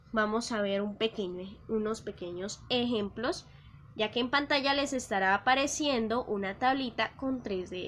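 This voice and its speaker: A woman's voice: a little high, fairly bright tone, a little hiss or hum. Patient woman teaching a language class. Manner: patient, repeats key points and checks in with "¿listo?". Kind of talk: online class explanation.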